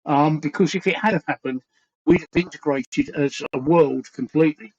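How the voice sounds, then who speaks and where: Speaking at a normal speed, the livestream host has a voice on the high side with a darkish tone and a breathy edge. He's in his sixties, from East London, with a Cockney accent, and he chats casually, earnestly and ramblingly, repeating phrases while thinking. Dull lo-fi stream audio.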